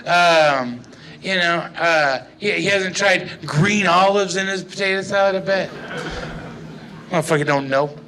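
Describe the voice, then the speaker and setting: A man's voice: sits high, a little slow, pushed and bright, rough recording. A young man doing a rambling, profane stand-up set on a small bar stage, often laughing at his own jokes. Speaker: stand-up comedian. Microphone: old-style handheld stage mic.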